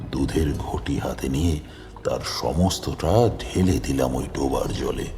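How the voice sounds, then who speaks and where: A man narrating a horror audio story in the first person in a slow, grave way, sometimes chanting. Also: extremely low pitch.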